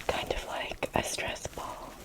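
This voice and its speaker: A woman doing a whispered ASMR roleplay, speaking to the listener as a caring friend in a soft, unvoiced whisper. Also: slow. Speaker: ASMR creator.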